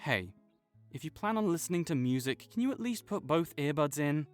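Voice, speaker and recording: A man's voice: a little high, animated, brisk, soft background music, close to an everyday voice. A young man playing a prickly male academic rival who is grudgingly kind, talking teasingly and defensively to a silent listener in an audio roleplay. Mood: bickering.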